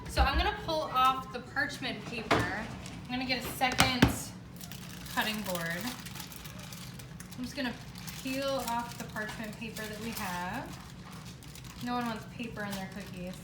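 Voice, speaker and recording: A woman's voice: a little high, unhurried, long pauses. Upbeat lady doing a casual baking show, kinda far from the mic, noisy echoey kitchen. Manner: chatty, informal, upbeat. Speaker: home baking show host. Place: indoor home kitchen. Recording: echoey room, distant mic, clear noise.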